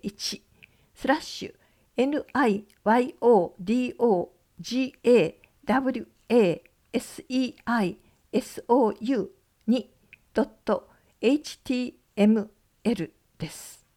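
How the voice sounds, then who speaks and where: A woman radio announcer reading community event notices, working through lists of places and numbers in a measured way. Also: fairly high pitch, mellow.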